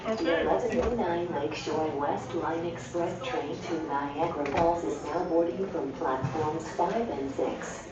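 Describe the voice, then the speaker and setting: A woman announcer giving slow, measured transit announcements over the station intercom. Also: low voice, dull audio, over loud music. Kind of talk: recorded public announcements. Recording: echoey loudspeaker in a busy station, heard from far off.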